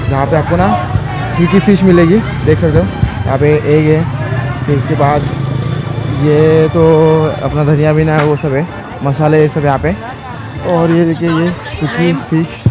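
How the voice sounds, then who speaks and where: A young man from India walking a busy market, chatting to viewers and pointing things out, filmed on a handheld camera. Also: a little high. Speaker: travel vlogger. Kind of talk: walking-tour vlog. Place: busy outdoor and covered market. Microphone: handheld camera at arm's length.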